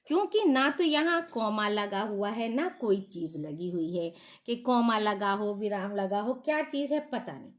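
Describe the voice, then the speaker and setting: A woman's voice: mid-range voice, animated, a little slow. A middle-aged woman teacher giving a patient grammar lesson to children, asking questions and repeating the key points.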